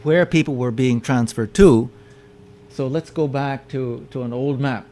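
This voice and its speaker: A man gives a public lecture with slides in a meeting room with an audience, often pausing to repeat his words as he explains. He has a medium-pitched, dark-toned voice and a measured pace.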